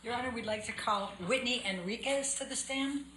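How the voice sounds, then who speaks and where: A woman attorney questioning a witness in court, brisk and businesslike. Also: fairly high pitch. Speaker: trial attorney. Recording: echoey courtroom recording, faint noise.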